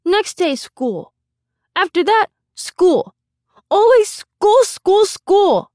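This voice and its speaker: A woman voicing a sad, whiny three-year-old boy who drags out his complaints in a high childish voice. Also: sing-song, darkish tone, no echo, clean studio sound, exaggerated voice. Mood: whining. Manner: whining, drawn-out childish complaints.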